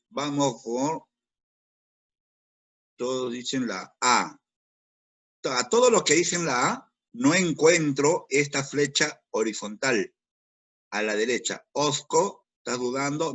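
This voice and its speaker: A male physics teacher talks his students through a problem one step at a time. His voice has a slightly husky edge and sits in an ordinary middle pitch. He repeats key words and speaks straight to the class. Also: a bit bright. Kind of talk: online class lesson.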